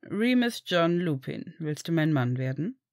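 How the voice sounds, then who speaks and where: A woman voicing an earnest, devoted grown man in a storybook reading, speaking low. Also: unhurried, no echo, clean studio sound.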